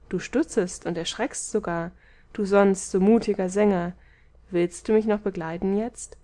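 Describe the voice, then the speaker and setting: A woman voicing a stately, motherly city goddess in an audiobook, with a measured, gently reproachful delivery. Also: medium pitch, close to an everyday voice. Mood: indignant. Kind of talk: audiobook character reading.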